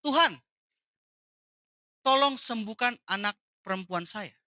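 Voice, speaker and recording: A woman's voice: fairly low pitch, lively intonation, unhurried, pushed and bright, no echo, voice pushed down. A woman preacher voicing a desperate pleading mother. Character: desperate mother begging for her sick daughter.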